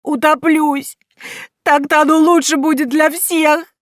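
A woman's voice: medium pitch, moderate pace, darkish tone, no room sound, clean studio sound, close to an everyday voice. A woman reading aloud, voicing a big, stubborn young peasant woman who wails and snaps in old-fashioned folksy speech. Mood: wailing.

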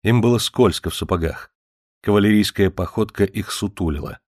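Male narrator, low voice, measured read, dry close mic. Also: no echo. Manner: measured, even storytelling. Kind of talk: audiobook narration.

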